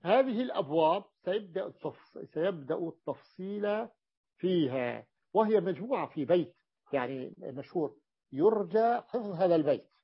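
Male sheikh teaching a class, slightly high voice, lo-fi recording, repeats examples slowly. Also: expressive, breathy edge. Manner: repeats examples slowly, asks students if they follow. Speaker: sheikh teaching Arabic morphology. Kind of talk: classroom lesson explaining a text.

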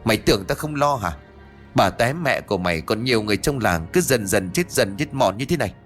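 Old village man in a ghost story, low, gruff and scolding, read by a male narrator. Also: big pitch swings, a little fast, faint music behind. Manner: brusque, scolding, talks down to the young.

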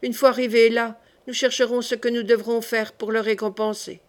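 A woman's voice: on the high side, level tone, moderate pace, lightly acted. A woman reading the part of a cunning young king who speaks in a wry, teasing way. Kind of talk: audiobook character reading.

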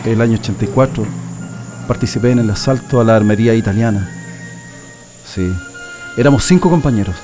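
Playing an ex-printing worker and resistance militant, the Chilean narrator reflects on his story as testimony in a first-person radio drama. He speaks a little fast in a lowish voice, pausing often, lightly acted, over background music.

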